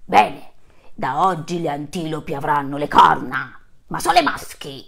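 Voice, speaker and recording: A lordly storybook lion king, put on by a woman reader, with a gravelly, lowered voice. He speaks slowly and loudly and hands out his orders with booming authority. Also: exaggerated voice. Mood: commanding. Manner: slow, loud, commanding roars.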